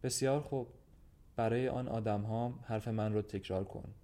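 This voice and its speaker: A man's voice: on the low side, fairly even intonation, dark tone, close to an everyday voice. A man reading a stubborn, cold schoolteacher. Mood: cold, defiant. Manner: terse, cold replies.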